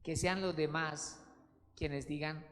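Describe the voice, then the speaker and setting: A man's voice: fairly high pitch, fairly even intonation, slow, a bit bright, long reverb tail, a little hiss or hum. A male pastor, preaching a sermon with emphatic swings of voice and calling listeners brothers. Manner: emphatic preaching, voice rising and falling widely.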